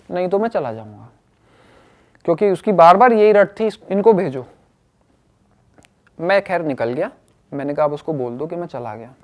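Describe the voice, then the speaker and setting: A young man casually telling a personal story, animated and acting out what others said. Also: a little high. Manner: animated, acts out quoted speech.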